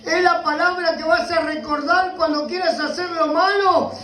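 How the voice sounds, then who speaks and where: A man's voice: extremely high pitch, fairly even intonation, moderate pace, bright, forceful tone, reverberant, soft background music, poor audio. A man with a Rioplatense Spanish accent preaching a sermon with passion, often calling out to his listeners as brother. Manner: impassioned preaching, repeatedly addressing the listener as brother. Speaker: pastor. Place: church.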